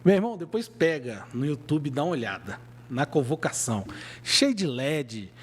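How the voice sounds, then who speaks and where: Casual football talk comes from a podcast co-host with a Brazilian Portuguese accent, whose higher-side voice swings widely in pitch at a normal speed. He speaks emphatically and colloquially.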